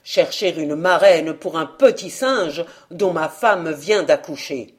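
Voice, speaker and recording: A woman reading an audiobook, voicing a gruff, cursing drunken peasant man who blusters loudly. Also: lively intonation, slow pace. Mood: surly. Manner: loud, blustering, low.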